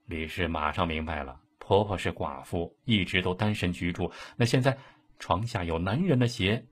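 A man telling an old case story in a lively, colloquial way. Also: sits low, moderate pace, breathy edge. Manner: lively, colloquial, dramatic asides. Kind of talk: casual storytelling.

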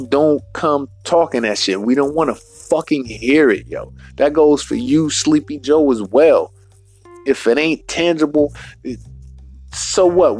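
A man hosting a solo podcast rant, profane and emphatic, in street slang, repeating his points and spelling words out slowly. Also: medium pitch. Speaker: podcast host.

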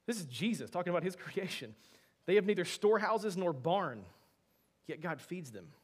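A male pastor giving a sermon to a congregation in a church, talking conversationally with many rhetorical questions and moving between soft asides and emphatic bursts. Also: fairly high pitch, breathy edge.

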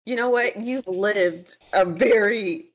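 A woman's voice: mid-range voice, slow, low-quality recording. A young woman in her twenties co-hosting a podcast, blunt and teasing in casual chat. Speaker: podcast co-host.

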